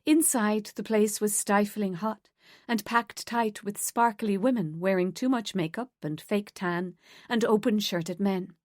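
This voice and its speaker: A woman reading an audiobook thriller in a steady, measured way. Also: medium pitch, no echo, clean studio sound. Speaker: audiobook narrator. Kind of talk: scripted narration.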